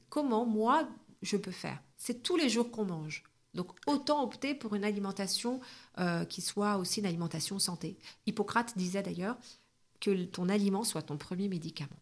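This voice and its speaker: A woman on a radio show giving practical health advice in an explanatory way, often ending her phrases with a short tag. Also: mid-range voice.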